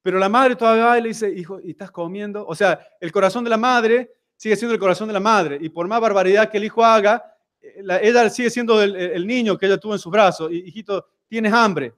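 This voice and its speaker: A man's voice: sits high, fast, fairly bright tone. A man with a Rioplatense Spanish accent giving a conversational sermon in a church, putting frequent rhetorical questions to the congregation. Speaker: seminar speaker at a church.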